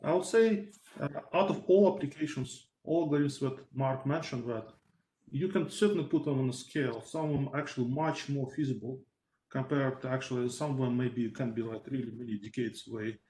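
A man's voice: medium pitch, brisk, mellow, reverberant, poor audio. A man, a researcher on a panel over a video call, talking thoughtfully with many fillers and hedges.

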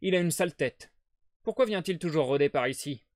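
A man voicing a vigorous, worried boatman's wife and mother, in a loud, high, pleading voice. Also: lively intonation, brisk, no echo, studio quality, lightly acted.

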